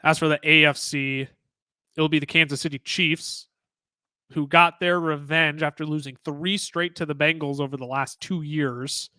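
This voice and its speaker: A man co-hosting a sports podcast, talking excitedly in casual chat with many restarts. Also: on the high side, moderate pace, clean tone, dry recording. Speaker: podcast co-host.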